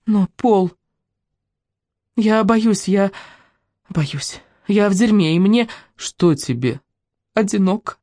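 A woman's voice: medium pitch, animated, a little slow, hardly any pauses, mellow, no room sound, studio quality, pitched above the performer's own voice. A woman voicing a desperate young woman who pleads through tears. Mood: tearful, pleading. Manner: pleading, tearful.

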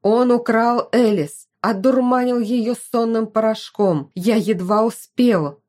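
A woman's voice: on the low side, measured pace, darkish tone, lightly acted. A woman voicing a young male fire mage, angry and protective, with a growling, snapping delivery. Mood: furious, growling.

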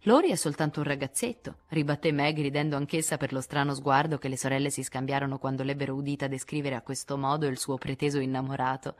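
A woman reading a classic novel aloud in a measured, expressive audiobook narration. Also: rumbling low. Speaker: audiobook reader. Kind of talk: scripted narration.

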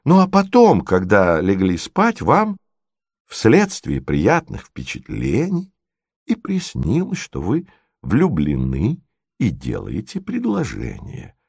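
A man voicing a young man who speaks measured and reasoning, trying to smooth things over while uneasy. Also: on the low side, dry recording, studio quality, pitched below the performer's own voice. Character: young man, calm but anxious.

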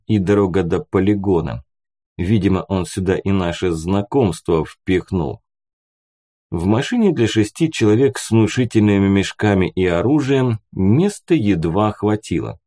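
Low, dark-voiced male audiobook narrator. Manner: lifts his voice for other characters' lines.

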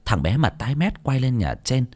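A man narrating an audiobook story in an expressive, dramatic reading style. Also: fairly quick, slightly rough. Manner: expressive, dramatic reading with wide pitch swings.

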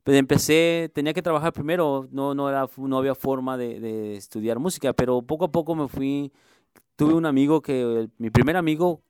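A middle-aged musician and music teacher from Mexico City, with the accent of the capital, talks earnestly in a radio interview, stumbling through lots of fillers and restarts. His mid-range voice is smooth and a little mellow, captured in a dry, clean studio recording.

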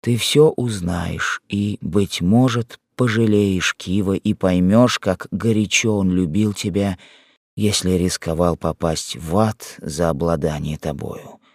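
A man reading a troubled young husband's lines in a low, slow, tender way. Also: no room sound, studio quality, heavily acted. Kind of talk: audiobook character reading.

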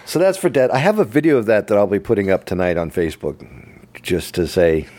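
Relaxed man hosting a talk show. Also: on the low side, a little fast. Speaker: host. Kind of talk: casual radio show chat.

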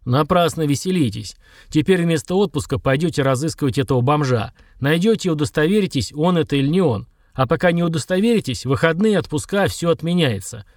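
Man voicing a furious cold male boss, shouty and slow, audiobook. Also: fairly high pitch, expressive, no echo, studio quality. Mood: stern. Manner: shouting, berating, slow heavy delivery.

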